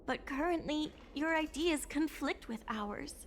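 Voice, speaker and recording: A woman's voice: high voice, animated, measured pace, a little hiss or hum. An actress playing an earnest young woman merchant who speaks sincerely and politely.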